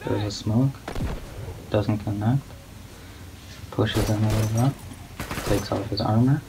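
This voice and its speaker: Low, monotone male game commentator. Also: unhurried, gravelly. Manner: monotone, low-key delivery; not much of a talker. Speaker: guest commentator. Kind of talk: esports play-by-play commentary. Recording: steady background noise.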